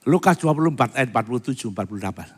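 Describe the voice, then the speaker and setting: A pastor preaching a sermon, moving between soft asides and loud, fervent appeals and asking the congregation questions. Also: male voice, mid-range voice, expressive, racing, breathy edge. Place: church. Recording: reverberant church hall.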